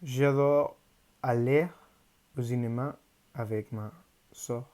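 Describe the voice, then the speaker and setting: A teenage boy from Mexico, a native Spanish speaker with a Mexican Spanish accent, reading a prepared class presentation in a careful, halting learner's way. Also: medium pitch, steady tone, a little mellow. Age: teens. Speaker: high school student.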